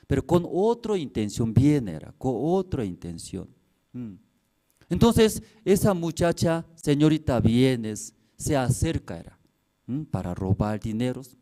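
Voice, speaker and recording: A man preaching a sermon as pastor, in slightly broken, non-native-sounding phrasing. He keeps repeating himself and checking in with tag questions, and swings between loud emphatic peaks and quiet asides. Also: mid-range voice. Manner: repetitive, with rhetorical questions and tag questions.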